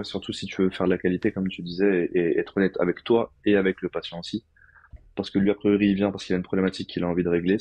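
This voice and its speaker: Deep husky-voiced man explaining. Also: a little mellow, dry recording, lo-fi sound. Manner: explains step by step, thinking aloud. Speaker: physiotherapist guest. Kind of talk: casual podcast explanation.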